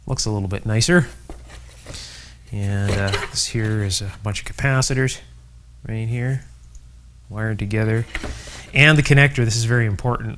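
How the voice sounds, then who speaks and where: In his indoor electronics workshop, a middle-aged restoration-channel host talks through an informal video in an upbeat, conversational way. His voice is on the low side but fairly bright, and the recording carries a little hiss or hum.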